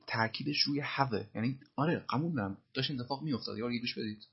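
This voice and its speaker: A man teaching English, repeating film lines slowly and then explaining them in Persian. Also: medium pitch, creaky, slightly rough, lo-fi sound.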